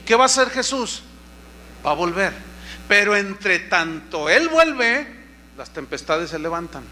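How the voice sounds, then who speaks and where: A man preaching a sermon, animated and questioning the congregation, acting out the voices he quotes. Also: sits high, unhurried, slight background noise. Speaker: pastor.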